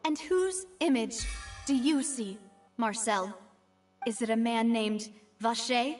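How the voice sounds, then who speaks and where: Casting: confident young lady detective, high voice, theatrical challenge, game drama. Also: slow, a little mellow, far from the mic, soft background music. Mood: challenging. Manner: theatrical, pointed.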